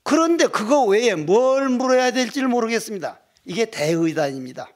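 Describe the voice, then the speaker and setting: Older monk lecturing, earthy and joking. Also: male voice, very high voice, animated, moderate pace, heavy reverb. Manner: earthy, joking storytelling with dialect voices. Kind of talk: dharma lecture. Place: temple lecture hall.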